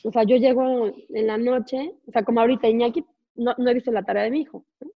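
A woman's voice: on the high side, steady tone, fast, muffled recording. A woman in her forties with a Mexican accent, a guest telling personal stories in a candid, chatty interview full of fillers and asides over a video call. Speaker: guest entrepreneur.

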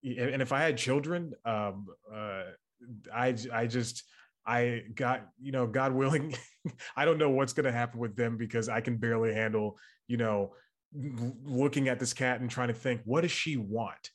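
A man's voice: medium pitch, moderate pace. A man hosting a podcast, speaking in a rambling, hesitant way with many restarts and fillers. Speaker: podcast host. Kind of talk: casual podcast chat.

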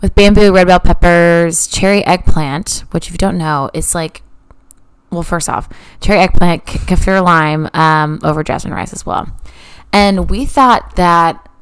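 A woman's voice: fairly low pitch, steady tone, unhurried, clear, resonant tone, no echo. A young woman co-hosting a casual food podcast, talking bluntly and swearing freely. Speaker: podcast co-host. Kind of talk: casual food review chat.

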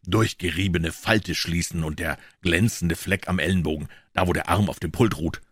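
A man voicing a shrewd, calm detective who explains in a low, measured, quietly assured way in an audiobook. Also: breathy edge, no room sound, clean studio sound. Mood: explaining. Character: shrewd calm male detective, dryly ironic. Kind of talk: audiobook character voice.

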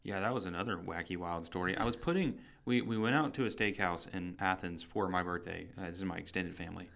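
A man's voice: low voice, quick pace, gravelly, fairly bright tone. A man co-hosting a podcast in casual chat, joking in a dry, teasing, self-deprecating way. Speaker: podcast co-host.

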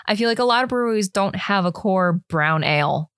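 A woman's voice: medium pitch, animated, brisk, a bit bright, clear, resonant tone, no echo, studio quality. A woman hosting a podcast in an informal, self-deprecating way, moving between chat and reading from notes. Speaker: podcast host. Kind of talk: casual podcast talk about beer, partly read from notes.

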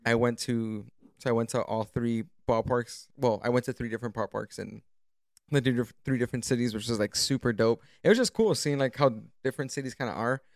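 This man talks casually and without a script, as if chatting with a friend on a podcast. He tells stories with slangy, profane enthusiasm. His pitch is average for a man and the sound is dry. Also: a little fast, no echo. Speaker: podcast guest or co-host. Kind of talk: natural unscripted casual talk.

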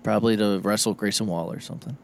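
A man's voice: fairly low pitch, steady tone, very fast, creaky, a little hiss or hum. A man hosting a podcast, chatting casually and rambling through a news recap. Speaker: podcast host. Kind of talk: casual chat.

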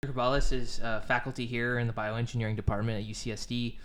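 A man's voice: medium pitch, level tone, quick pace, fairly bright tone. A man hosting a student podcast, reading the intro and then asking questions loosely with fillers. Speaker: podcast host, student interviewer.

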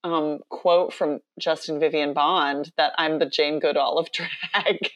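A woman's voice: deep voice, takes it slowly. A woman, an author and drag performer, telling stories as a guest in a casual podcast interview, laughing often. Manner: animated storyteller, laughs often.

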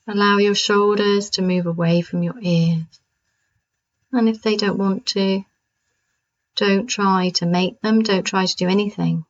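A woman with a mid-pitched voice leads a calm grounding exercise. She gives gentle, permissive instructions and leaves unhurried pauses between phrases. The recording is somewhat dull and lo-fi. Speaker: wellness coach leading a mindfulness practice.

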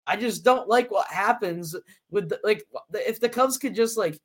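A teenage boy co-hosts a casual podcast in a high-pitched male voice at normal speed. He rambles through the chat with plenty of fillers and restarts.

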